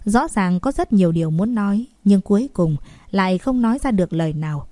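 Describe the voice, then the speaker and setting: A woman narrating a novel in an even, steady voice of middle pitch. The reading is calm and measured. The recording is dry and close. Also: no room sound. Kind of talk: audiobook narration.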